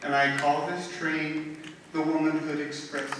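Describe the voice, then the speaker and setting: Brief: woman poet at a talent show, slow, steady verse delivery, recorded from far off in an echoey hall. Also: low voice, slight background noise. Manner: measured, rhythmic recitation of rhymed verse. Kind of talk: poetry reading.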